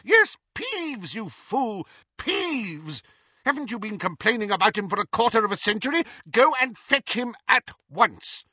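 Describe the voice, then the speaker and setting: A man's voice: fairly high pitch, sing-song, moderate pace, bright, forceful tone, slightly rough, no echo, highs cut off, pitched above the performer's own voice, heavily acted. A man voicing a stern elderly woman teacher in an audiobook, clipped and authoritative. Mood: fierce.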